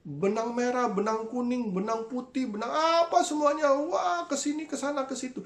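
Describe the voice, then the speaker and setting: A pastor giving an online sermon in an animated way, often addressing listeners as brothers and sisters and acting out voices. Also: sits high, moderate pace, echoey room. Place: church.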